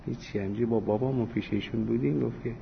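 A man's voice: medium pitch, fairly even intonation, creaky. A man giving a religious lesson, telling anecdotes full of quoted dialogue and small chuckles. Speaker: religious teacher. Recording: dull lo-fi recording with faint hiss.

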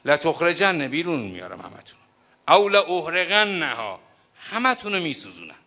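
A man preaching a sermon as a cleric, emotional and swinging between loud and hushed, reading Arabic passages aloud and explaining them. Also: on the high side, sing-song, creaky. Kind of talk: sermon reading from a history book.

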